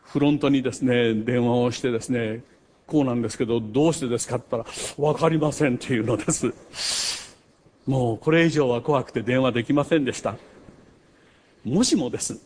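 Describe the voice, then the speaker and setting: An older man preaching a sermon. He tells stories, rising to loud emphasis and dropping to hushed asides. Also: mid-range voice, brisk, slight background noise. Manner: storytelling with wide swings between loud emphasis and hushed asides. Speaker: pastor.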